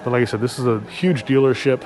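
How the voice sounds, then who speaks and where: A man giving a casual, unscripted car dealership walk-through as a vlogger, halting and thinking aloud as he looks around. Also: mid-range voice, steady tone. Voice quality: talking through a face mask indoors. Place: car dealership, showroom then outdoor lot. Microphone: microphone with a furry windscreen. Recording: handheld vlog with background ambient noise.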